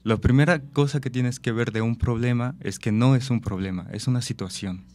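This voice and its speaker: A man's voice: mid-range voice, moderate pace, a little mellow, soft background music. A man, an actor and director, explaining his ideas thoughtfully with examples and rhetorical questions. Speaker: actor and director, interview guest. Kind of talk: reflective interview talk.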